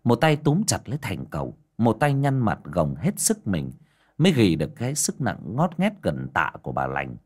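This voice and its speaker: Husky man narrating a horror tale. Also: on the low side, huge pitch swings, moderate pace, a little mellow. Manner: dramatic, ominous storytelling. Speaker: storyteller.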